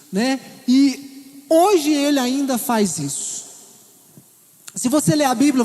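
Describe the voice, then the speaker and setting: A man preaching with a Minas Gerais Brazilian accent, his voice sitting very high for a man. He talks to the congregation casually, often checking in with them. The sound carries a long echo from the church hall. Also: a little mellow. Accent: Brazilian Portuguese, Minas Gerais. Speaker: pastor. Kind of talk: sermon.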